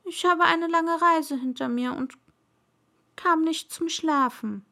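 A woman's voice: very high-pitched, slow pace, gravelly, bright, forceful tone, voice pushed up, heavily acted. A woman voicing a shy, wondering young boy prince in a storybook reading, asking polite questions.

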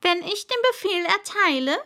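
A woman's voice: very high-pitched, moderate pace, bright, forceful tone, pitched above the performer's own voice, exaggerated voice. A woman voicing a proud, stern but kindly old king in a storybook reading, with pompous, commanding declarations.

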